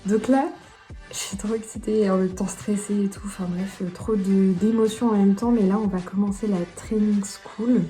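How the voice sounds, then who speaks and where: Chatty young woman with a mellow voice. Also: mid-range voice, steady tone, moderate pace, faint music behind. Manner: chatty, self-deprecating, rambling. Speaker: vlogger. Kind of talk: casual vlog chat.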